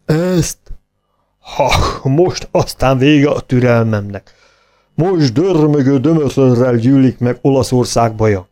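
A man voicing a grumpy, hungry bear gentleman in a storybook, talking slowly and gruffly. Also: medium pitch, close to an everyday voice. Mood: gruff grumbling.

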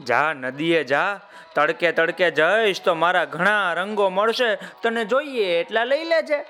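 A man voicing a talking rainbow in a children's story, explaining slowly like a patient teacher. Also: sits high, lively intonation, pushed and bright, soft background music, full character voice. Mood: advising.

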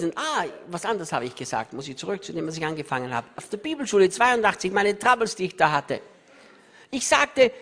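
A man preaching in a large reverberant hall, his voice ringing with a long echo and now and then drifting away from the mic. He preaches with raw feeling, often close to tears and quick to laugh, shifting from loud emphasis to hushed asides. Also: very high-pitched. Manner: emotional, tearful, laughs often, wide swings between loud emphasis and soft asides. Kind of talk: sermon.

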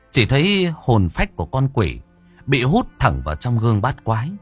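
A man narrating a horror story in a dramatic, expressive way. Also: fairly low pitch, husky. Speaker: audiobook narrator.

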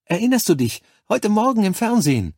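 Brief: male narrator playing a high, fake-friendly young nurse, husky edge, dry close sound. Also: expressive, normal speed, a little mellow, dry recording. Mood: gushing. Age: 20s. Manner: falsely cheerful, mocking. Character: brisk young female hospital nurse, cold.

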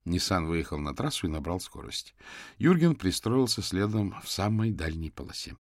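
A man reads an audiobook thriller in a very deep, low voice. The delivery is even and scripted, and the sound is dry and close to the mic. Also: moderate pace, no echo. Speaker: audiobook narrator. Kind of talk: scripted narration.

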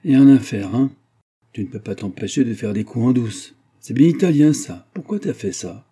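A blunt, wisecracking cop partner, read by a man in a storybook reading. The voice sits low and dark, with a husky grain to it. He needles his friend in gruff street slang. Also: normal speed. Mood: mocking. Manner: gruff, teasing. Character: blunt joking male cop partner, crude.

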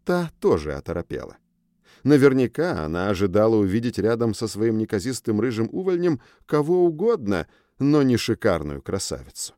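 A man narrating an audiobook in the first person, expressive with a wry tone. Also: on the low side, moderate pace, dry recording, studio quality.

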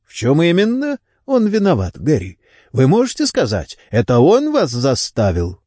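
A man voicing a calm middle-aged detective who questions a suspect in a firm, pressing way. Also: medium pitch, normal speed, breathy edge, no room sound, studio quality, exaggerated voice.

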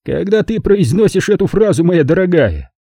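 A man voicing a bald, heavy, haughty count with a rough voice and a slight German accent, speaking lazily and condescendingly. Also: sits high, very animated, moderate pace, warm tone, no echo, studio quality, voice pushed up, full character voice. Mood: lazy. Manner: lazy, condescending, teasing.

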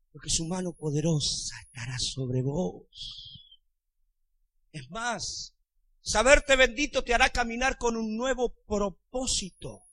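A man with a Rioplatense Spanish accent, a pastor preaching a sermon in a church. He swings from hushed lines to shouting and keeps calling on the congregation to answer. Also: very high voice, no room sound. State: sweating and losing his voice.

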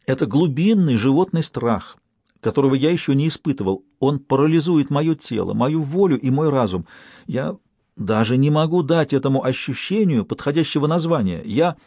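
A man's voice: mid-range voice, lively intonation, normal speed, warm tone, no echo, voice pushed up. Man voicing a hysterical young clerk. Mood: terrified. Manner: hysterical, pleading. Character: panicky young male bank clerk. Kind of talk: audiobook reading.

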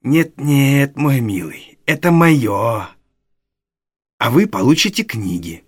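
A man voicing a sly old male gang leader who speaks softly and ingratiatingly. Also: mid-range voice, big pitch swings, slow, breathy edge, dry recording, clean studio sound, exaggerated voice. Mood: mock-polite. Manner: soft, ingratiating, mock-polite.

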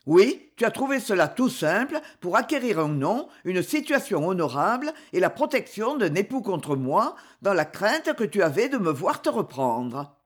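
A man's voice: high voice, big pitch swings. A woman reader voicing a cruel, sarcastic aristocratic count who speaks coldly and with menace. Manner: cold, sneering, measured.

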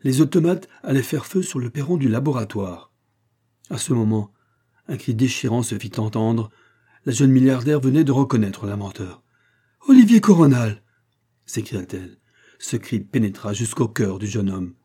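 A man reading a novel aloud in dramatic audiobook narration, with expressive rises and falls. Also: medium pitch, moderate pace, slightly rough.

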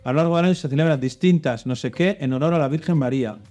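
Man, children's quiz host, slightly high voice, reads clues and drops hints. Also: quick pace, darkish tone, faint music behind. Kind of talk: hosting a children's religious quiz show.

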